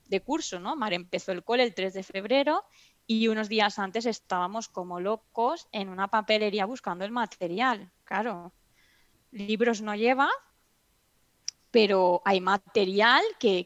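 A woman's voice: medium pitch, dry recording, highs cut off. Chatty woman telling stories. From Spain. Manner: chatty, animated storytelling with restarts. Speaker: interview guest, mother and teacher. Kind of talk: casual interview chat.

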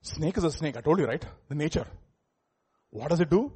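Male preacher, Indian accent, slightly high husky voice; emphatic, repetitive, questioning, informal sermon delivery. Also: lively intonation, brisk, dark tone. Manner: emphatic, repeats phrases, questions the congregation. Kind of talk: sermon with informal teaching asides.

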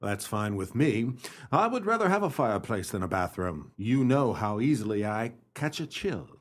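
A man in a radio play voices a gentleman's loyal, practical companion, delivering lines in an emphatic, theatrical manner. His voice is fairly low with big pitch swings at normal speed, and his mood is grumbling.

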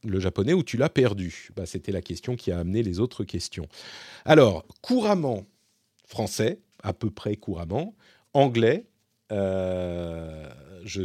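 A middle-aged man talks through listener questions in a loose, unscripted way, often stopping to rephrase. His voice sits low and sounds warm and relaxed. The recording is dry and close, with no room sound. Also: no echo. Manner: hesitant, thinks aloud, self-correcting. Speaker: podcast host answering listener questions. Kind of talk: casual Q&A monologue.

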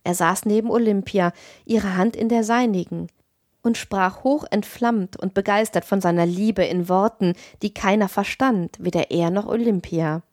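A woman narrating a classic tale as an audiobook reader, in a measured, expressive reading. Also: mid-range voice, dry recording, clean studio sound.

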